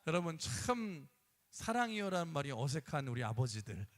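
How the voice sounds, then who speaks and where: This pastor's sermon is built on storytelling, with him voicing each character he quotes. He speaks at a moderate pace in a higher-leaning voice with big pitch swings, recorded in an echoing church sanctuary.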